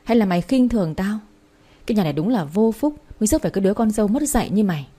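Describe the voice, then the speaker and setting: A woman's voice: mid-range voice, lively intonation, fast, warm tone, natural voice. A woman voicing a harsh older mother-in-law who berates her daughter-in-law in a spoken story. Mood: scolding.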